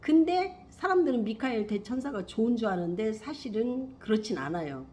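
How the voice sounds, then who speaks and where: A middle-aged woman telling a personal spiritual story in a rambling, emphatic way, swinging from hushed to loud. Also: on the high side, lively intonation, moderate pace, a little hiss or hum. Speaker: spiritual vlogger.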